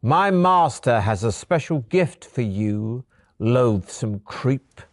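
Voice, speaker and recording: A man voicing a scornful, booming disembodied voice that rules over a dungeon, during a gamebook read-aloud. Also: expressive, slow pace, no echo, studio quality. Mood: sneering. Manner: booming, sneering, contemptuous.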